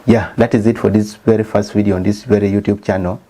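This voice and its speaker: Speaking fast in a fairly low, warm voice with a level tone, a statistician from Uganda leads a step-by-step slideshow lesson for his channel's viewers. His English has a Ugandan accent and is not his first language, and his explanations are methodical.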